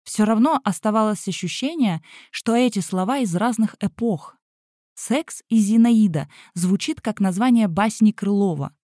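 A woman's voice: mid-range voice, moderate pace, few pauses, dark tone, dry recording, clean studio sound. A woman telling a humorous first-person story about her school work, with wry, ironic asides. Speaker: school event organizer.

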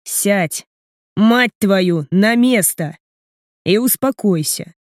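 A woman's voice: medium pitch, animated, normal speed, darkish tone, dry recording, studio quality, lightly acted. A woman reading a cold commanding man. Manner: cold, clipped, each word stressed.

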